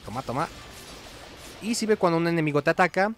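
Brisk and lively in intonation, this man's fairly high voice carries his casual, playful commentary as host of a gaming video playthrough. Game music plays behind his voice-over mic, which sits on top of the game audio.

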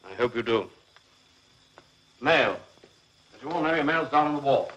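An actor playing a stern colonel who gives strict, clipped orders to fellow prisoners in a film. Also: male voice, mid-range voice, lively intonation, moderate pace, fairly bright tone, muffled recording, a little hiss or hum, close to an everyday voice. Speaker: senior officer in a prison camp.

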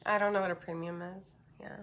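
A young woman with vocal fry, chatting casually on a livestream and answering comments haltingly into a handheld phone. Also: on the low side, level tone, a bit bright. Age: young adult. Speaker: livestream host and model. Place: small bedroom, indoors. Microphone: phone at arm's length.

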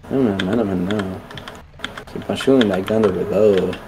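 A young man casually commenting on his game with a friend, excitable and profane, often repeating himself. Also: on the low side, normal speed. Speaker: gamer streamer. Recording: noisy game audio behind.

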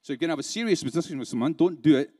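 A man's voice: fairly high pitch, animated, rapid-fire, warm tone. A man with a slightly raised voice delivers a keynote to a live audience. He is interactive and playful, firing rhetorical questions at the crowd and chuckling between points. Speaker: keynote speaker. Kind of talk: conference keynote speech. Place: conference hall with a live audience.

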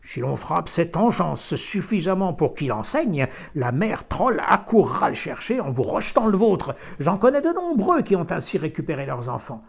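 A man's voice: a little high, sing-song, moderate pace, vocal fry, few pauses, slightly rough, voice pushed up, exaggerated voice. Man doing a stern old village woman.

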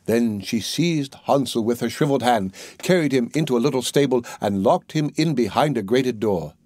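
A man narrating a fairy tale in measured, scripted storybook style, recorded on a close mic. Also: mid-range voice, expressive, darkish tone, no echo. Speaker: audiobook narrator.

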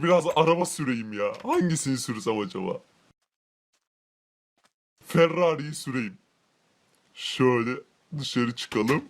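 A boastful, cruel rich man in a game role-play, voiced by a man, all smug gloating and shouted threats. The voice sits a touch above the usual male pitch. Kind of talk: Minecraft role-play commentary.

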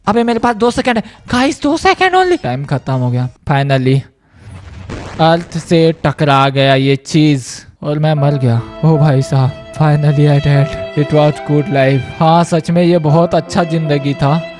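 A man giving excitable, exclamatory commentary over a mobile game, often shouting out in surprise. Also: fairly high pitch, slow, soft background music. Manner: exclamatory, animated, repeating "o bhai sahab". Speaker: gaming YouTuber. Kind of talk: excitable Hindi let's-play commentary.

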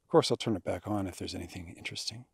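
Low-voiced man vlogging on a hike. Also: racing, vocal fry, husky, no echo. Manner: relaxed, chatty, addresses viewers. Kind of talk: casual hiking narration. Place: outdoors on a desert boardwalk trail.

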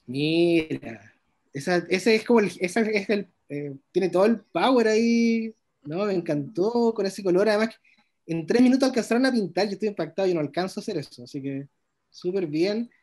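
A man leads an online illustration workshop and reviews his students' drawings one by one. He praises them eagerly and warmly, often stopping and restarting mid-sentence. His voice comes through a video-call microphone. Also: high voice, expressive, normal speed. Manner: warm, enthusiastic praise with many restarts.

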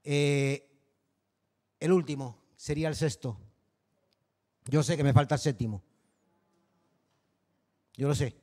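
A pastor with a Canary Islands accent preaching a sermon in a conversational way, often checking in with the congregation. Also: male voice, on the high side, takes it slowly, long pauses, dark tone, big-room sound. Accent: Canary Islands Spanish. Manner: conversational preaching, peppered with rhetorical tags.

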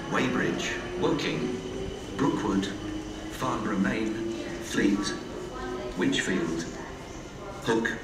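A man making measured train announcements, heard over a station public address loudspeaker on a railway platform. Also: lowish voice, distant mic. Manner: measured, even announcing delivery. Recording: echoey loudspeaker heard from afar, noisy.

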